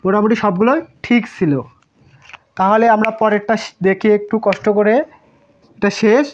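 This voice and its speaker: A woman's voice: medium pitch, steady tone, moderate pace, slight background noise. Patient woman teacher, repeats and writes as she talks; lo-fi classroom recording. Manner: patient, repeats syllables, thinks aloud while writing. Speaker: Japanese language teacher. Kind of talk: whiteboard lesson, slow drilling of syllables. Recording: muffled lo-fi recording.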